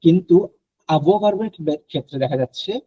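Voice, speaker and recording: A man's voice: a little high, lively intonation, fairly quick, mellow, slightly rough, no room sound, lo-fi sound. A man from Bangladesh teaching a French class online, explaining patiently and mixing in English phrases.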